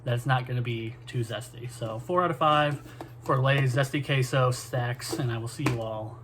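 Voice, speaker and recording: A man's voice: medium pitch, moderate pace, fairly bright tone. Man, casual review chat, noisy background. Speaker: snack reviewer.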